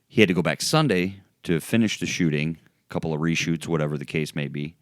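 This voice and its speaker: A man with a deep, low voice co-hosts a relaxed podcast conversation. He talks in a laid-back way, laughs often and acts out little quoted voices. The sound is dry and close, with no room echo. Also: brisk. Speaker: podcast co-host. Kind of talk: casual chat.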